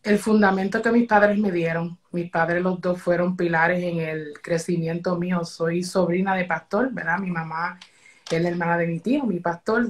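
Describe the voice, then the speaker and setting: A woman with a lowish voice, a guest in a live online interview. She gives her faith testimony earnestly, in church phrasing, and often closes a thought with a tag question.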